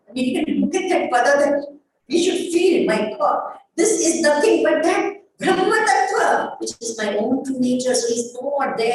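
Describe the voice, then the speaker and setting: High-voiced woman teaching, echoey room. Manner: emphatic, asks rhetorical questions and answers them. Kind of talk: spiritual discourse with chanted Sanskrit verses. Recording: echoey room, distant mic, faint noise.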